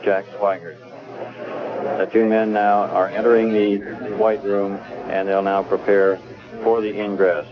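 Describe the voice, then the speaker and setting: A man giving steady live countdown commentary from launch control, heard as a crackly radio transmission. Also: on the low side, crowd noise. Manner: steady, measured announcer delivery. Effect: crackly radio transmission sound. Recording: noisy lo-fi archival radio broadcast.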